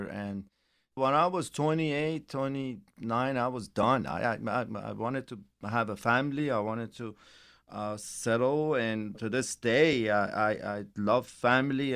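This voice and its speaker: A man's voice: mid-range voice, a bit bright, clear, resonant tone. A middle-aged man hosting a financial radio show, chatting casually and rambling with many restarts.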